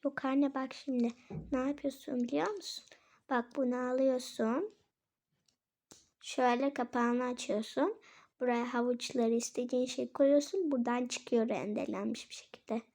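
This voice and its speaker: A woman's voice: sits high, steady tone, moderate pace, darkish tone. A woman doing a cheeky know-it-all little daughter. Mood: explaining. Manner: pleading, explaining, cheeky. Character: know-it-all young daughter asking for toys. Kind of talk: toy play role-play.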